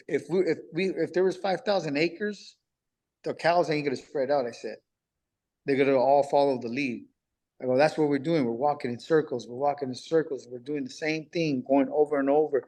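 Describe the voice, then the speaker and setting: A man's voice: a little high, normal speed, mellow. A man who is a podcast guest on parole, telling a personal story in casual street talk, acting out past conversations and repeating himself.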